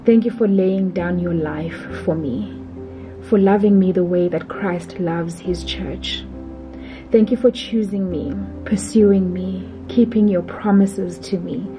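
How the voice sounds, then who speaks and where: A woman with a South African accent reading a heartfelt, prayerful letter as a voice-over, slow and tender. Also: on the low side. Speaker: vlogger. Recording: dull voice-over under loud music. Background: music.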